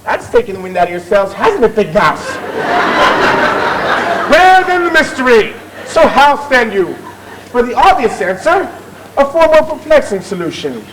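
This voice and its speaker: An actor plays a bossy, theatrical Victorian music hall chairman, a master of ceremonies who declaims and banters with the audience on stage in a comic musical narration. His very high, sing-song voice moves at normal speed with long pauses, in a showy mood, captured on a noisy live theatre audience recording.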